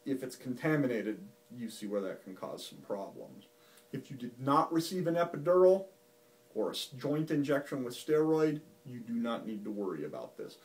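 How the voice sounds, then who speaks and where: A man's voice: medium pitch, sing-song, normal speed, far from the mic. A male physician explaining a medical topic in a folksy, plain-spoken, patient way. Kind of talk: medical explainer talk to camera. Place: doctor's office.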